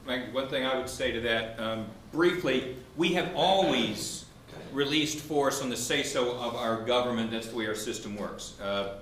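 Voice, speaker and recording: Speaking at a law school event indoors, a male law professor argues a legal point in a debate, walking through it step by step and raising questions he then answers himself. His mid-range, fairly bright voice moves at a moderate pace with hardly any pauses. The room gives a roomy echo, and faint background noise is present.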